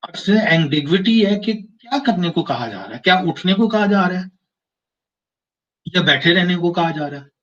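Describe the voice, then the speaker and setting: A man giving a recorded university lecture, explaining slowly and repeating phrases to make his point. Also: sits high, expressive, fairly bright tone, recorded from a distance, lo-fi sound.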